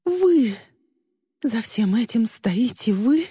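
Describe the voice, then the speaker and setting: A woman's voice: unhurried, mellow, slightly rough, dry recording, studio quality. Woman voicing a terrified, pleading young woman. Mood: frightened, pleading. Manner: high, strained and tearful, rising to shrieks.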